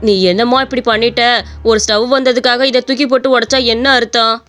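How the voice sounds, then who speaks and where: A woman voicing a gentle, worried elderly mother-in-law in a cartoon story, speaking softly and fretfully. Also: a little high, fairly even intonation, fast talker, faint music behind, natural voice. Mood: placating.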